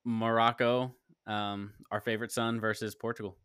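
Low-voiced man hosting casual sports chat. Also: flat delivery, normal speed, a bit bright, smooth, dry recording, clean studio sound. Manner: laughs often, leads the picks. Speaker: podcast host.

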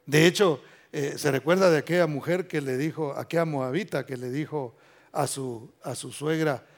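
A male pastor preaching a sermon, building to loud emphatic passages and reading scripture slowly and solemnly. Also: a little high, vocal fry.

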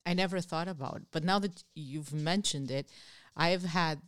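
A woman with a notably deep voice for a woman chats casually, her sentences loose and padded with fillers. The sound is dry and close, with no room echo. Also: normal speed, clean tone. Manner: chatty, full of "you know" fillers. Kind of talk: casual chat.

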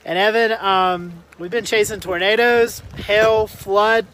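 A man reporting on weather as a show host and storm chaser, in a casual, halting way. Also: high-pitched, fairly even intonation, fairly bright tone, a little hiss or hum, poor audio.

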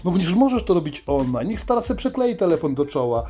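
A man's voice: fairly high pitch, big pitch swings, fast talker, mellow. A young man delivering a crude, sarcastic comic rant, swearing at nearly every turn. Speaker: comedian.

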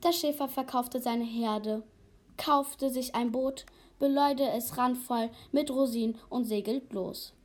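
A woman's voice: a little high, fairly even intonation, a little slow, a little mellow. A woman reading a fable aloud carefully, with small slips. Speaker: reader.

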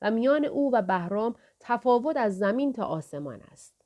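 A woman voicing an aging male king who speaks in a measured, formal and calculating way. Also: on the high side, sing-song, lo-fi sound. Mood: deliberate. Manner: measured, formal royal speech.

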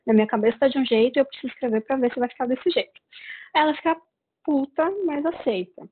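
In a casual book review chat, a woman with a Brazilian Portuguese accent retells the plot in a meandering, filler-heavy way. She has a high voice and speaks quickly, and the tinny phone-like recording carries slight hiss or hum.

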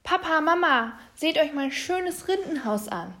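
A woman's voice: high-pitched, expressive, normal speed, fairly bright tone. A woman doing a small eager bear cub. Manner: raised, calling voice.

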